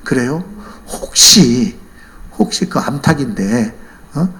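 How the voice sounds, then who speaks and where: A man voicing a village chicken seller who asks slow, matter-of-fact questions. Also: medium pitch, big pitch swings, bright, forceful tone, heavily acted. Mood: probing. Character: calm, knowing male village chicken seller.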